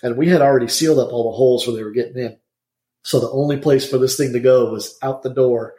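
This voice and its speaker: Chatty contractor in an echoey room. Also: male voice, medium pitch, steady tone, dark tone. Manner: chatty, rambling, quick storyteller. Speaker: guest, insulation contractor. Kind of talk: casual interview storytelling.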